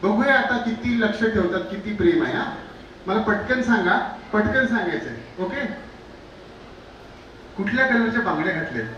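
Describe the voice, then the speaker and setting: A man with a high voice hosts a pre-wedding celebration, teasing the couple and pushing the crowd to cheer. He is heard from some distance through a strongly echoing venue. Clear background noise of the gathering sits under his voice. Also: moderate pace, pauses often, highs cut off. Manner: energetic, urges the crowd to clap and cheer. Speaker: event anchor at a pre-wedding sangeet. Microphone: handheld microphone through the house speakers.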